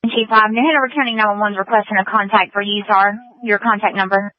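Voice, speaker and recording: A woman dispatcher talks fast and clipped over a police radio channel, reading back unit numbers and ten-codes. Her voice comes through a thin, narrow radio band with the lows and highs cut away. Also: steady tone, background noise. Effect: heard over a police and fire radio channel. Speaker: emergency dispatcher.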